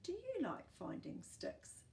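Her high voice swoops wildly in pitch, creaky and a little mellow, as this New Zealand-accented storytime host in her sixties reads slowly to young children. The picture book is read expressively, with chatty asides and questions, in a small, book-filled indoor room. A little hiss or hum is present.

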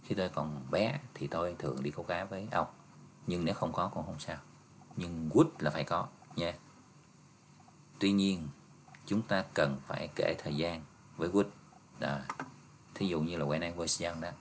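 A male teacher goes through an exam review step by step, patient, ending phrases with soft tags. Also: low-pitched, fairly even intonation, moderate pace, long pauses, slight background noise. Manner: patient, explains step by step, ends phrases with "ha" and "nha".

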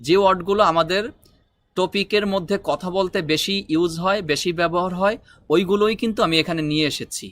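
A man teaching an English vocabulary lesson, saying each word slowly and repeating it, then explaining briskly. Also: sits high, fairly bright tone, no echo.

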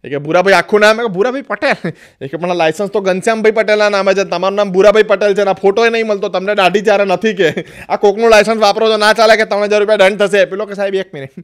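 A man with a Gujarati accent does stand-up comedy, telling jokes and acting out the people in his stories. His voice is high and smooth, and he talks fast, animatedly performing the quoted voices.

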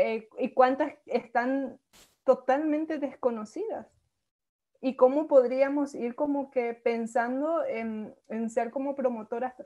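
A woman's voice: fairly high pitch, warm tone, dull audio. A young woman from Latin America on a video call with an earphone mic, musing earnestly and asking many rhetorical questions. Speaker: workshop participant. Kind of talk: spontaneous reflective remarks. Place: small room at home.

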